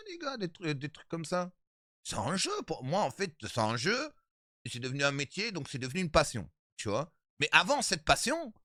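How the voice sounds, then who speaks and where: A man in his thirties, streaming from home and talking straight to his chat. His pitch swings up and down and his voice is bright. The sound is close and dry. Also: dry recording. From Italian background. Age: 30s. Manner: animated, repetitive, addresses chat as brothers. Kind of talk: casual stream chat to viewers.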